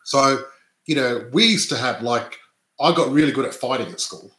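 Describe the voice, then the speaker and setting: A man's voice: medium pitch, expressive, normal speed, a bit bright, echoey room, poor audio. A man from Adelaide, whose first language was not English, co-hosting a casual podcast chat and often tagging his points with "right?". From Australia (Adelaide). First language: not English; parents were immigrants. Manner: chatty, tags statements with "right?", many restarts. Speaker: podcast co-host, real estate investor.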